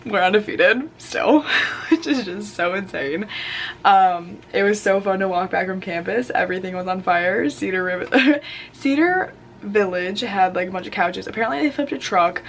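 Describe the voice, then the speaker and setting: Young female college vlogger, casual chat, vocal fry, noisy indoor camera sound. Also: mid-range voice, normal speed, a bit bright. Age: young adult. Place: small bedroom, indoors.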